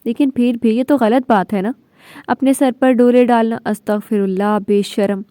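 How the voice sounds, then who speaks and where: An innocent, chatty young assistant, read by a woman narrator in a storybook reading. She confides in a hushed, gossipy way. The tone stays mellow and fairly high. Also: fairly even intonation, moderate pace, dry recording, clean studio sound, close to an everyday voice.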